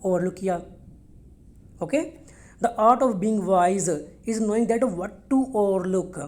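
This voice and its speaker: Very slowly, in a medium-pitched voice with a darkish tone, a woman goes through English vocabulary for a test. Her explanations mix Hindi and English, she repeats every word for pronunciation, and she keeps checking in with "okay?"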